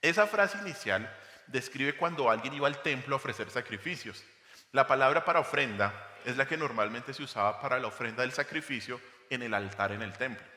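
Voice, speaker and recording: A man preaches to his congregation with a bright, forceful voice, pressing his points with rhetorical questions. The sound rings with a long, roomy reverb from the church hall. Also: medium pitch, expressive, a little fast. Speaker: pastor. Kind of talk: expository sermon.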